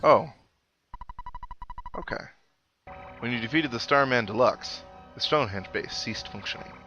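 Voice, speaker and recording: A playthrough host speaks a little slowly at a medium pitch, his voice pushed and bright, though the highs are cut off. Game music runs behind as he casually reads in-game text aloud and muses wryly.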